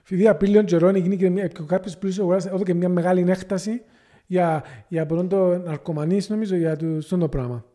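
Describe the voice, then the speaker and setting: A man with a Cypriot Greek accent talks as a podcast guest, earnest and impassioned. His voice sits high but sounds soft and mellow rather than bright. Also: fairly even intonation. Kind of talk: casual podcast conversation.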